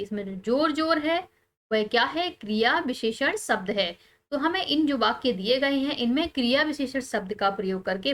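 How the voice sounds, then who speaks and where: A woman teacher, calmly explaining textbook answers step by step and pausing on key words. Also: high voice.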